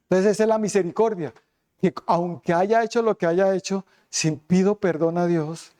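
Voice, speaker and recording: High mellow-voiced pastor preaching hard, says amen a lot, acts out little quotes. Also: male voice, fairly even intonation, moderate pace. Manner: emphatic preaching, repeats "amén" often; voices God and sinners in quoted asides. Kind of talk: sermon.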